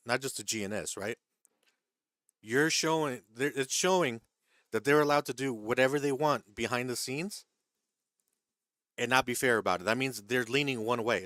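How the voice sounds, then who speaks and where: A medium-pitched man with a fairly bright tone runs a live stock trading stream, reading chat questions and explaining the rules. He tends to hedge and repeat himself, checking in with "right?" and "okay?". The studio recording is clean and echo-free.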